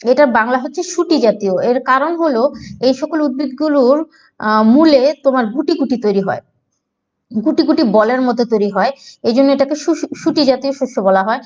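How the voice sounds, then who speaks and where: Her voice is high, a little quick, and darkish in tone, captured on dull audio. She's a woman with a Bangladeshi Bengali accent teaching agriculture online, patiently explaining each step and spelling terms out syllable by syllable.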